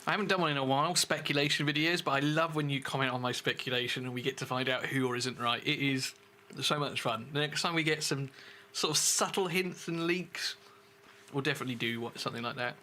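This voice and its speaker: Bright-sounding guy streaming a game, chatty, answering chat as he plays. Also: mid-range voice, quick pace, slight background noise. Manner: chatty, reads and answers chat while playing. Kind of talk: casual gaming livestream commentary.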